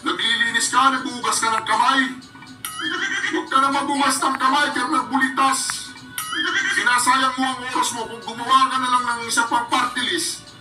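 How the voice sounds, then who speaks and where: A man's voice: very high voice, flat delivery, fairly quick, echoey room. A man hosting a vlog, taunting and mocking a clip as he reacts to it, heard from a distant mic with music behind. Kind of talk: political reaction commentary.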